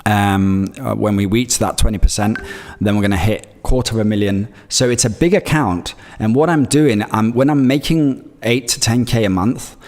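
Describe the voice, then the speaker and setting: This man's voice is on the low side and a little mellow, moving at normal speed, with a big-room sound around it. He grew up in Greece, Greek being his first language, and talks through his trades on a live stream in a rambling way. He reads out chat messages, with lots of fillers and restarts.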